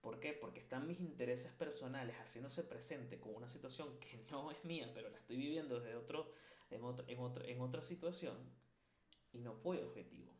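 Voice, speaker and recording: A man's voice: mid-range voice, a little fast. A man giving a spoken psychology class in a candid, conversational way, often correcting himself and restarting sentences. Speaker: psychology lecturer. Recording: roomy, dull lo-fi recording.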